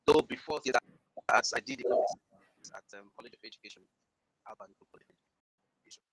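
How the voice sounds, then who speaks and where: A man's voice: medium pitch, fast, fairly bright tone, no echo, poor audio. A man with a Nigerian accent, a filmmaker giving hesitant interview answers over an online call whose audio breaks and drops out. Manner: hesitant, with many fillers. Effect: glitchy, breaking call audio that drops out. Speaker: guest filmmaker.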